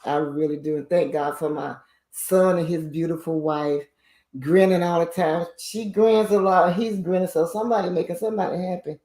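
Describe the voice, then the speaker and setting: A woman's voice: on the low side, normal speed, warm tone. An older woman, a guest on a live stream, talking in a rambling, chuckling way. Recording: roomy echo.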